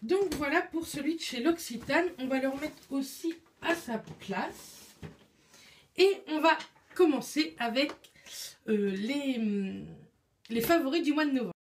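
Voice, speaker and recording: A woman's voice: high-pitched, animated, unhurried. A young adult woman chatting casually through her monthly makeup favorites, full of fillers and restarts. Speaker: beauty vlogger.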